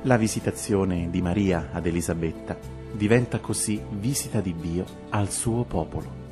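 Very deep-voiced man reciting prayers. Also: over loud music. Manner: steady, measured devotional recitation.

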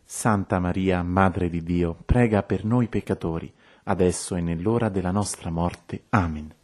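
A man with a very low voice recites the rosary in steady, measured turns. His delivery is calm and devotional.

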